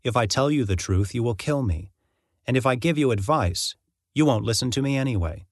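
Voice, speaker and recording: A man giving voice to a grave old prophet, speaking in steady, solemn warnings. The sound is dry and close with no room around it, and the pitch sits at an ordinary middle. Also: a little fast, no room sound. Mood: wary. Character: prophet Jeremiah, grave bold older man.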